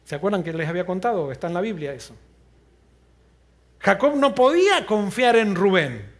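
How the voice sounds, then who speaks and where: A man preaching a sermon as pastor, retelling a story earnestly and often dropping to a low, quiet voice. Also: big pitch swings, moderate pace. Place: church.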